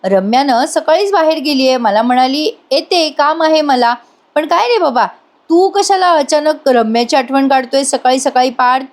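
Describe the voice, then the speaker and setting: A woman voicing a middle-aged aunt who needles and scolds her nephew, in a slightly high voice. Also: moderate pace, natural voice. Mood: taunting. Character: sharp-tongued middle-aged aunt defending her niece.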